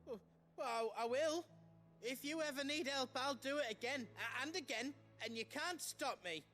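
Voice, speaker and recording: An actor playing a gentle, loyal young man in a video game, earnest and a little hesitant. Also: very high-pitched, normal speed. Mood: earnest resolve. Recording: music behind the voice.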